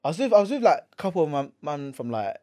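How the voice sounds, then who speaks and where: A man's voice: fairly high pitch, sing-song, quick pace, a little mellow, no echo, studio quality. A young man with a London roadman accent bantering and telling stories casually, full of street slang and repeated words. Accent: London, urban street slang. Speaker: podcast co-host.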